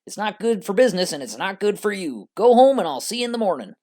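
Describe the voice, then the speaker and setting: A narrator voicing a brash, confident male car sales manager with a loud, cocky delivery. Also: medium pitch, very animated, quick pace, pitched above the performer's own voice, natural voice. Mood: dismissive.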